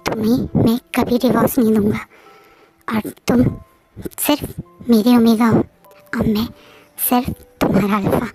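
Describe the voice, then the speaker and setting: A woman voicing a cold, possessive young man in a story recap, speaking in low, firm declarations. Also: steady tone, unhurried, pauses often, warm tone, husky, no echo, faint music behind, low-quality recording. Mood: intense.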